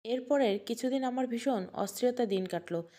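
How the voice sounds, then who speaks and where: A woman narrating a first-person audio story in a calm, measured way. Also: on the high side.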